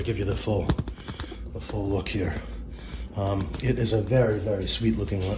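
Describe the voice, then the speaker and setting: A man's voice: medium pitch, reverberant, rough recording. A man with a Boston accent, a tech vlogger talking casually through an unboxing from his living room, rambling with lots of ums and restarts into a camera on a tripod.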